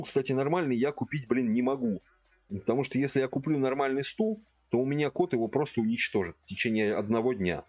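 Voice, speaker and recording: A man in his forties streams gameplay from a room at home, chatting casually, thinking aloud and talking to viewers in chat. His mid-range voice is husky with a darkish tone, captured in a muffled recording with no room sound.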